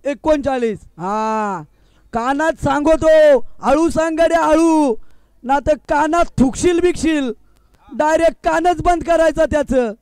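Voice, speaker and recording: A man's voice: extremely high pitch, measured pace, darkish tone, no echo. A man doing live commentary at a local cricket match, teasing the players in playful banter. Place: outdoor local cricket ground.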